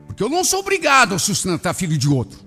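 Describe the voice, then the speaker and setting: A man's voice: high voice, huge pitch swings, fast, sharp tone, long reverb tail, soft background music, pitched above the performer's own voice, full character voice. A man voicing a scornful, coarse middle-aged husband who talks in a mocking, dismissive way.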